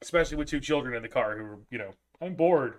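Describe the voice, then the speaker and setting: A man's voice: mid-range voice, very fast. Man hosting a jokey movie podcast. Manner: jokey, upbeat announcer delivery for shout-outs. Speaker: podcast host. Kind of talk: casual podcast chat.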